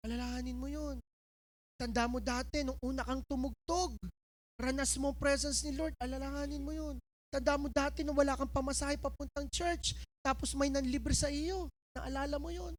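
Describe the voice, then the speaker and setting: High-voiced woman preaching playfully. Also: slight background noise. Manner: animated, playful, switches between preaching and slow scripture reading. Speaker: pastor. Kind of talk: lively sermon with a live demonstration.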